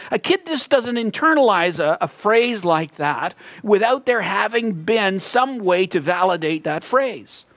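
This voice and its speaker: Earnest high-voiced man telling a faith story. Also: fairly bright tone, no echo. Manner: earnest storytelling with rising emphatic peaks. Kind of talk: reflective devotional talk.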